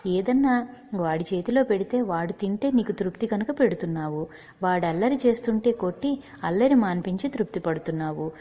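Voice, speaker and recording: Woman reading as a calm questioning girl. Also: mid-range voice, a little fast, long reverb tail, dull audio, close to an everyday voice. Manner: probing, reasoning questions.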